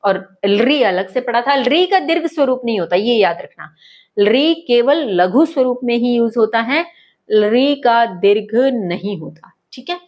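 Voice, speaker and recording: A woman's voice: a little high, expressive, a little slow, lo-fi sound. A woman teaching a lesson to schoolchildren, speaking patiently, repeating points and checking that they follow. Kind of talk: online lesson.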